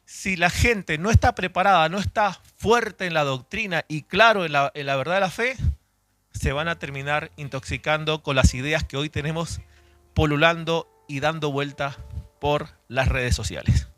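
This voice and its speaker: Man teaching on doctrine, fairly high voice. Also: moderate pace, fairly bright tone, dry recording. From Chile, raised in Argentina. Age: 40s. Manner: conversational, with restarts and self-corrections. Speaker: church teacher and apologist. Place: church hall.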